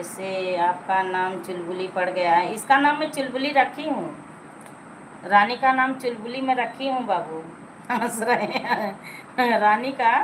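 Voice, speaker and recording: A middle-aged woman chats her way through a live stream, slow and unhurried, teasing viewers and pushing them to like the video. Her voice sits at an ordinary pitch. Steady noise and passing vehicles run behind her. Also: poor audio. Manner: chatty, teasing, coaxing viewers to like and comment. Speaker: livestream host.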